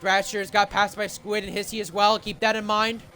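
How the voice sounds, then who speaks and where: A man's voice: high-pitched, little pitch movement, moderate pace, pushed and bright, soft background music. A man commentating live on sim racing, calling the action play by play as a motorsport commentator.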